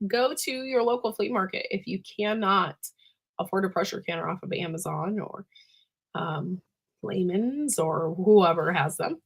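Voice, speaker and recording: A woman with a hoarse, smoker-like rasp and a voice that is giving out, chatting casually as host of a livestream and often clearing her throat. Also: mid-range voice, animated, a little slow. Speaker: host of a live canning chat.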